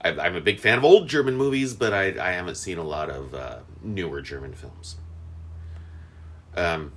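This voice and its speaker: A man co-hosts a podcast in easy, casual chat. His pitch swings up and down a lot, and he rambles through fillers, restarts and asides. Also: animated, moderate pace, slight background noise. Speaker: podcast co-host.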